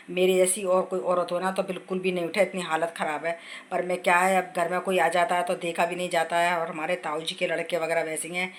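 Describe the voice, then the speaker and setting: Unwell middle-aged woman, flat chatty vlog. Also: lowish voice, a little hiss or hum. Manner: chatty, rambling, retells conversations. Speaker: vlogger. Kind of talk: casual home vlog. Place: home kitchen.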